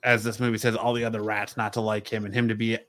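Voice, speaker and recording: A man's voice: on the low side, little pitch movement, quick pace, fairly bright tone. A man cohosting a podcast, chatting casually and rambling a little as he searches for words in a movie review. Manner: rambling, searches for words, frequent "you know".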